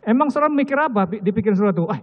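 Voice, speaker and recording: A man with a fairly high voice questions a witness quickly as judge, echoing her answers and pressing for detail. The sound is thin and phone-like, with a long hall echo around it. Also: animated. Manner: probing, repeats answers back, presses for detail. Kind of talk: courtroom questioning. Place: courtroom. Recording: echoey hall over a tinny, phone-like line.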